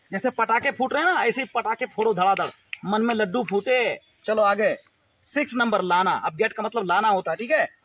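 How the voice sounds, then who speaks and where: A man teaching a spoken English lesson in an energetic, repetitive, coaxing way. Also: high-pitched, a little hiss or hum.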